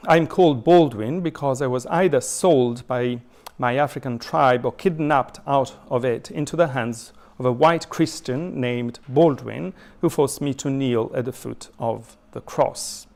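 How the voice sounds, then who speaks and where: Man, Italian accent, gravelly voice, lecturer, halting with fillers and restarts. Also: mid-range voice, a little mellow. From southern Italy. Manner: thoughtful, many fillers and restarts, reads quotations aloud. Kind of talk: adult education lecture.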